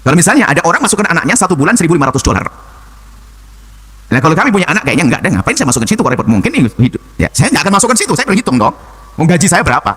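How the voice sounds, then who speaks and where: An older man preaching a sermon and answering a listener's question, talking in an animated way that jumps from low murmurs to high exclamations. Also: racing, breathy edge.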